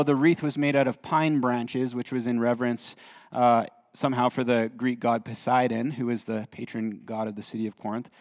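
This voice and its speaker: A man preaching a sermon as a pastor, earnest, often repeating words as he goes. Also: medium pitch. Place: church hall. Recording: reverberant church hall.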